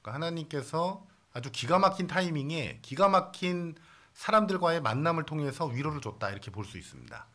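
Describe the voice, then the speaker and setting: A man's voice: on the high side, sing-song, fairly quick, fairly bright tone. A man preaching a Sunday sermon as pastor, conversational and playful, with many fillers. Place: church sanctuary.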